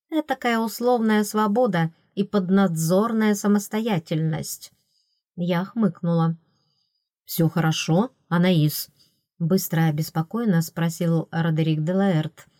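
A woman reading a novel in first person, telling the story in a lively, playful way. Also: fairly low pitch, dry recording, clean studio sound. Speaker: audiobook narrator. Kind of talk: first-person audiobook narration.

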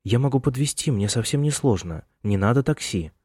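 A man's voice: mid-range voice, animated, brisk, warm tone, husky, dry recording, studio quality, voice pushed up. A male narrator voicing a worried middle-aged mother who keeps fussing over her son in an audiobook. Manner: anxious, insistent and fussing.

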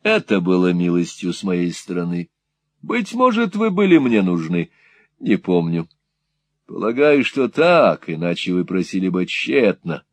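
A man's voice: sits low, sing-song, measured pace, dry recording, full character voice. A man voicing a hard-hearted moneylender in his sixties, curt, cold and scornful, in a dry close recording. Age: 60s.

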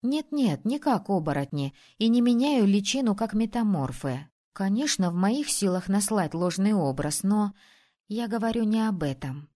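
A woman's voice: mid-range voice, normal speed. A woman narrating a first-person fantasy audiobook expressively, turning stern for the heroine's lines. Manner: expressive, switching to stern when speaking as the heroine.

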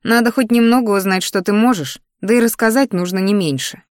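A woman's voice: medium pitch, brisk, darkish tone, no room sound, clean studio sound, pitched above the performer's own voice, lightly acted. A woman voicing a cheerful, bossy young female student roommate in a fantasy audiobook, talking eagerly and emphatically. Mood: lively, bossy.

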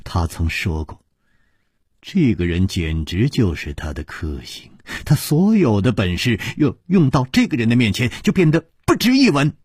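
A man voicing a weary, ailing woman who speaks softly, low and breathy. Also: wildly swooping pitch, moderate pace, dry recording, clean studio sound. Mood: sorrowful. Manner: soft, low, breathy and subdued.

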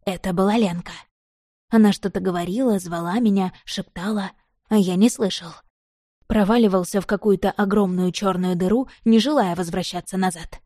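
Lady reading a novel aloud, calm, mellow voice, dry. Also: medium pitch, normal speed, no echo. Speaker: audiobook narrator. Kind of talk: scripted narration.

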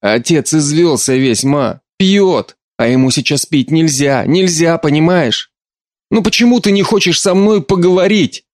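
A man's voice: on the high side, expressive, unhurried, no room sound, clean studio sound, pitched above the performer's own voice. A man voicing a frustrated young adult daughter who pleads with her mother in an audiobook. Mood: insistent.

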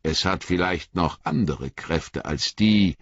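Guy voicing a grave old wizard in an audiobook, slow deliberate warnings, dry close sound. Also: deep voice, fairly bright tone, dry recording, heavily acted. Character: old male wizard, grave, cautious and wise. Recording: dull lo-fi audiobook recording.

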